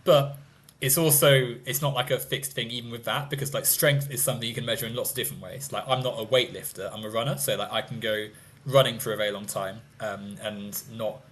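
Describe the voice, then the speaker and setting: Young man, twenties, rambling, hedging, middle-pitched, debating casually. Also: steady tone, fairly quick, a bit bright. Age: 20s. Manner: rambling, hedging, laughs often. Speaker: guest.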